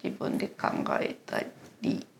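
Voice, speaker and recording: A woman's voice: slow pace, slight background noise. A woman guest in a casual interview, explaining her exhibition work in a thoughtful, hesitant way.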